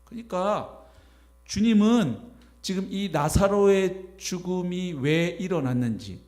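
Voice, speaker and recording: Animated Korean pastor preaching. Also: male voice, high voice, slow pace. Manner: animated, acts out imagined scolding voices. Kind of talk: sermon. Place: church sanctuary.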